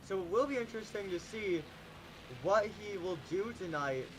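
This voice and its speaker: There is background noise as an animated man announces a monster truck show in arena-announcer style. He booms and stretches his hype calls even as he loses his voice.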